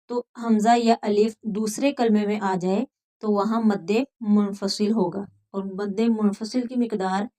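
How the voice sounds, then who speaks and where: A woman with a Pakistani accent teaching Quran reading, explaining each rule step by step and slowly repeating words. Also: medium pitch, dark tone. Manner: patient, repeats words slowly and stretches recited sounds. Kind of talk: slow step-by-step lesson.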